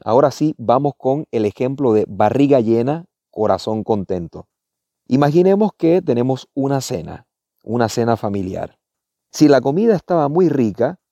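Man teaching informally, with a mellow voice. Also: medium pitch, dry recording. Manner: didactic, repetitive, checks understanding with short tag questions. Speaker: Spanish teacher. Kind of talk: informal spoken language lesson. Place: outdoors, walking in a forest.

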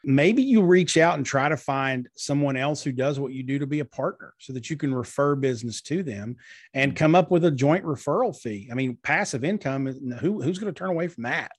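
Man, husky voice, dry close sound, earnest interview guest. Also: mid-range voice, expressive, fairly quick, no room sound. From eastern Kentucky, USA. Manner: earnest, explanatory, with frequent fillers. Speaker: guest, marketing strategist. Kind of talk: conversational interview.

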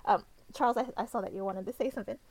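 A woman's voice: fairly high pitch, racing, darkish tone, slightly rough. A young woman talking casually and enthusiastically about favorite characters, full of fillers and restarts. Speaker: podcast co-host discussing novels. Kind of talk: casual fan discussion.

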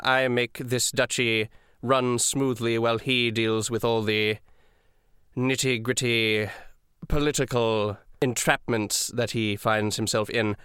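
A man's voice: medium pitch, pushed and bright, clean tone, no room sound, studio quality. A man voicing a cold, haughty male dragonborn assistant who speaks formally and sarcastically.

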